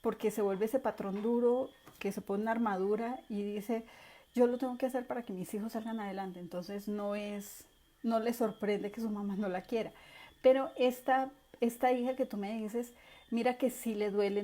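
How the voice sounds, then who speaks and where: Giving a virtual class lecture, a woman with a medium-pitched, dark-toned voice explains her material while acting out quotes from parents and children.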